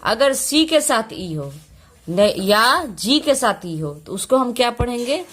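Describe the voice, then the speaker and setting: A woman teacher, patiently explaining pronunciation rules, repeating each point and spelling out letters slowly. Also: on the high side, big pitch swings, fairly bright tone. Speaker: English teacher.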